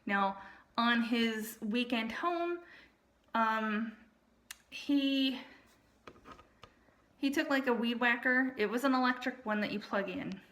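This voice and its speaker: A woman speaking in a casual personal monologue, explaining things in a deliberate, aggrieved way. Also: fairly high pitch, fairly bright tone. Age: adult. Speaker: storyteller recounting personal family experiences.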